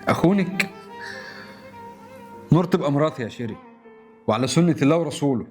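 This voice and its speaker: An actor playing a defensive young husband in a comedy sketch, speaking bluntly and curtly with an Egyptian Arabic accent. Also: male voice, a little high, lively intonation, soft background music, close to an everyday voice. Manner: rapid, curt and defensive.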